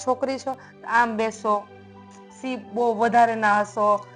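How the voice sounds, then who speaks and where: A young woman hosts a casual podcast, her voice somewhat high. She talks in a chatty, agreeable way and adds her own thoughts. Faint music sits underneath. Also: fairly even intonation, slow pace. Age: young adult.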